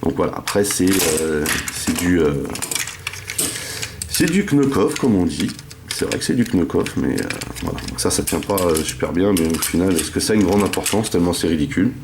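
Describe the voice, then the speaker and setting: A man reviewing a toy in a casual, hesitant way, filling his sentences with pauses and filler words. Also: low-pitched, expressive, noisy background.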